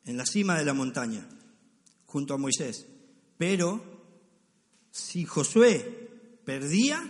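A man preaching a sermon as pastor, driving his points home and often checking in with the congregation. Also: a little high. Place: church hall. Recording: long church hall reverb.

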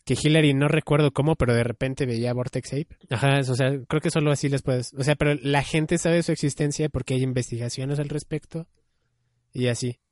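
A man's voice: medium pitch, steady tone, fairly quick, darkish tone, no echo, studio quality. A young man chatting casually, musing and hedging with many fillers. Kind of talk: casual chat about anime.

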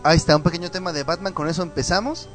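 A man hosting a radio show, chatting casually and reading listener messages with animated, mocking asides, troubled by a cough. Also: a little high, rapid-fire, faint music behind. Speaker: radio host. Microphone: studio mic with headphones.

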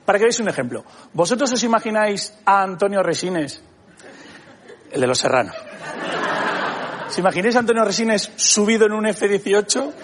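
A man performs a stand-up routine, his pitch swinging widely as he acts out both sides of conversations. He is recorded on a stage, with a live audience laughing loudly and steady noise from the theatre behind him. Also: a little fast, pauses often, crowd noise. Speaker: stand-up comedian. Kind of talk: stand-up comedy monologue.

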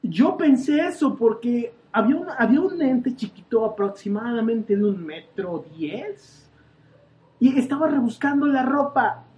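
A young man with a Mexican accent, co-hosting a comedy podcast and telling stories in an animated, playfully exaggerated way. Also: very high-pitched, unhurried, lo-fi sound. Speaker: podcast co-host. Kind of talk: joking podcast banter.

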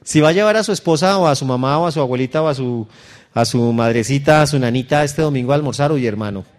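A man's voice: mid-range voice, darkish tone. A middle-aged man, a pastor preaching a sermon in a conversational, storytelling way that speaks directly to his listeners.

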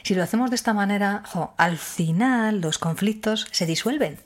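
A woman's voice: mid-range voice, moderate pace. A woman giving an explanatory talk on handling emotions, using rhetorical questions and firm emphasis. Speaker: speaker on emotional wellbeing.

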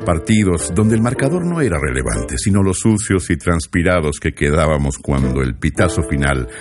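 Very deep narrator, lively intonation. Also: male voice, normal speed, music in the background. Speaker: radio show narrator. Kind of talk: scripted reflective narration.

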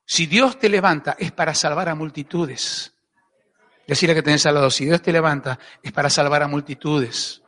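A man's voice: a little high, fairly even intonation, normal speed, a bit bright. A man with an Argentine accent preaching a sermon as pastor, emphatic and repetitive, often asking "¿eh?". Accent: Argentine Spanish. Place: church hall. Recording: echoey church hall.

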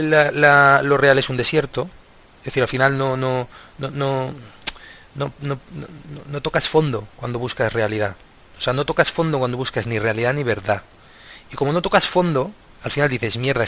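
A man's voice: mid-range voice, fairly bright tone. A man in a casual philosophical discussion, thinking aloud and restarting his sentences often.

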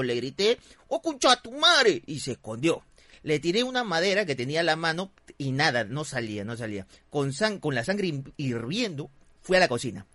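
A young man with a Peruvian Spanish accent tells a listener's story on a live comedy podcast, swearing freely and acting out the characters. His slightly high voice swings widely in pitch. The sound is dry, with no room echo. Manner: animated, swears often, acts out the people in the story with big voice jumps.

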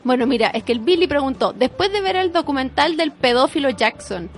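A woman's voice: sits high, animated, a little fast, soft background music. A young Chilean woman co-hosting a casual talk show, blunt and teasing with mock exasperation. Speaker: co-host. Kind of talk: casual banter.

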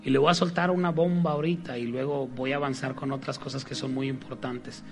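A man's voice: medium pitch, steady tone, brisk, soft background music. A man preaching a sermon with humor, getting the congregation to repeat his lines to each other.

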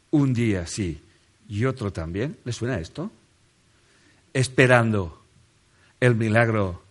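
With a low but fairly bright voice, a male motivational speaker works a spotlit stage in front of a seated audience. He delivers a humorous, motivational talk, bantering with listeners, asking them questions directly and laughing frequently.

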